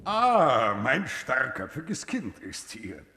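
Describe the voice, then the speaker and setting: Sly old game god, theatrical, slow, bright edge, reverberant, faint noise. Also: male voice, mid-range voice, wildly swooping pitch, full character voice. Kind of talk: German video game dub.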